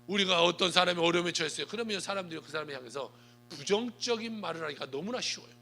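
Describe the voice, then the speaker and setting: Male pastor, Sunday sermon, lively theatrical delivery, bright tone, faint mains hum. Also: high voice, fast, creaky. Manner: animated preaching, acts out gossiping churchgoers. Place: church sanctuary.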